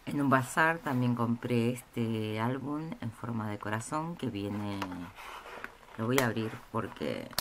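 Slow, hesitant woman showing crafts. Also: very deep voice. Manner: slow, hesitant, with many pauses and fillers. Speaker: craft vlogger showing a haul. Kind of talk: casual show-and-tell narration. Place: indoors at a table. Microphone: camera over a tabletop, speaker off-screen. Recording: noisy room with crinkling packaging.

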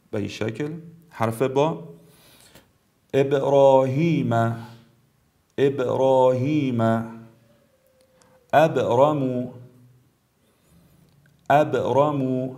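A middle-aged man from Afghanistan with an Afghan Dari accent, teaching a tajweed lesson in a formal, courteous way and drawling each example word slowly twice. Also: medium pitch, gravelly, darkish tone. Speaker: Quran recitation teacher.

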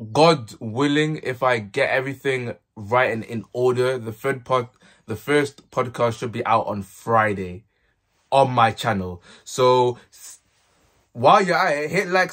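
A young man speaks at a medium pitch. He chats casually to camera in urban roadman slang, talking into a handheld earphone mic in a small bedroom. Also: fairly bright tone. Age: young adult. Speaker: vlogger. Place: small plain bedroom, indoors. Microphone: handheld earphone-wire mic.

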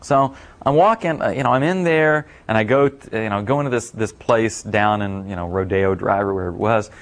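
A middle-aged man telling a casual story at a talk, rambling with many fillers and getting animated when he quotes others. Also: lowish voice, a little fast. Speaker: speaker at a talk.

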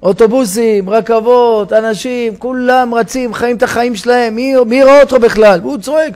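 A rabbi delivers a sermon in a synagogue with a fairly high voice. He acts out his parables with rising cries and sudden drops to a hush. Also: fairly even intonation. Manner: dramatic storytelling, shouting the parable's cries for help.

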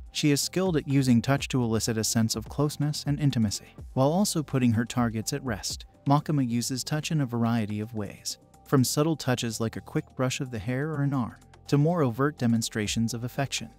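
A man narrating a scripted video in a voice of middle pitch, smooth and even, with no slips or filler words. Soft music plays faintly underneath his voice throughout. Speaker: channel narrator.

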